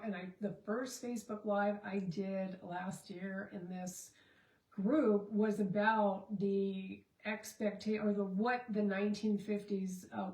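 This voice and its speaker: A woman's voice: medium pitch, a little mellow, echoey room, poor audio. A middle-aged woman, a relationship and marriage coach, talking casually and rambling with many fillers and restarts. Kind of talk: casual Facebook Live talk.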